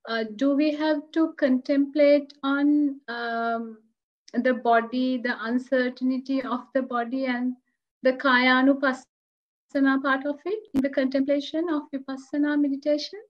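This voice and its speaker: A woman's voice: high voice, fairly even intonation, measured pace. A young woman from Sri Lanka politely asking a meditation question on a video call. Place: room at home. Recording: dull lo-fi call audio.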